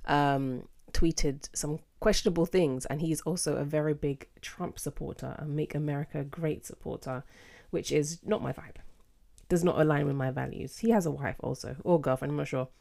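A British woman hosting a casual solo podcast, with a sassy, theatrical, slangy and expressive way of talking. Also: deep voice, normal speed, gravelly. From United Kingdom. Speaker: podcast host.

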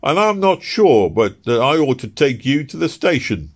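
A man voicing a brusque, suspicious night constable who questions a stranger, raised well above his own reading pitch and louder. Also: very animated, normal speed. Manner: brusque, interrogating. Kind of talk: audiobook character voice.

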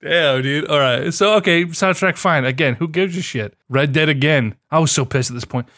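A young man co-hosting a podcast, sarcastic and animated, swearing as he goes over award results. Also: fairly high pitch, moderate pace, no echo, studio quality. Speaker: podcast co-host. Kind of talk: casual chat.

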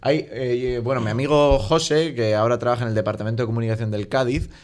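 Man, middle pitch, casual podcast chat, storytelling. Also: fairly even intonation, quick pace, a little mellow. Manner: storytelling, explanatory. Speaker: podcast co-host.

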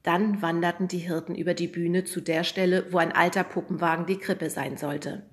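Woman reading a kids book, calm, steady. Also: lowish voice, normal speed. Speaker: reader. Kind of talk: audiobook reading of a children's book.

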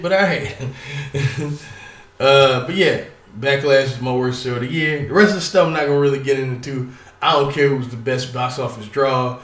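A man's voice: mid-range voice, a bit bright, reverberant, recorded from a distance. A man casually talking about pro wrestling on his own, rambling and cursing, with lots of fillers and stutters. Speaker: wrestling commentator. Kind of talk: casual solo talk.

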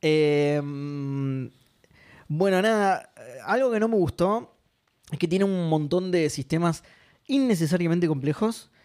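A young Argentine man co-hosting a podcast, chatting about video games in an animated way, swearing freely and laughing often. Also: a little high, slow pace. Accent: Argentine Spanish. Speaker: podcast co-host. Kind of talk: casual gaming chat.

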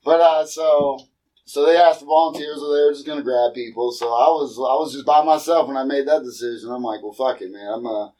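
A man's voice: medium pitch, fairly even intonation, fairly quick, dark tone, distant mic, low-quality recording. A middle-aged man from Pennsylvania telling stories in casual chat, slangy and profane. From Erie, Pennsylvania. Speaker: podcast guest, comedian.

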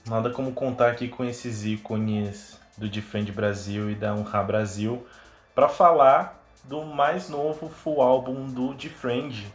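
A man's voice: mid-range voice, slow. A man hosting a show in a casual, chatty way. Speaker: show host. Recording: roomy sound with music behind.

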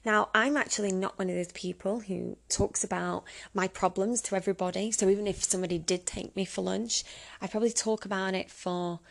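This woman, around thirty, hosts a podcast where she gives informal advice solo. Her mid-range voice is gravelly, fairly quick and steady in tone, and she talks candidly and chattily, often asking rhetorical questions.

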